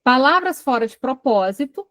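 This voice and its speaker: A woman's voice: sits high, animated, moderate pace, a bit bright, dry recording. A Brazilian woman coordinating an online psychoanalysis study group, reading a case aloud and then stopping to quiz her class. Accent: Brazilian Portuguese. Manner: reads a passage, then breaks off to quiz the class.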